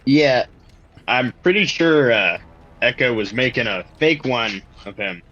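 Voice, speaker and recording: A man in a casual online tabletop game chat who fumbles for words with many halting starts. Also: medium pitch, lively intonation, lo-fi sound, a crowd in the background. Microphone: video call.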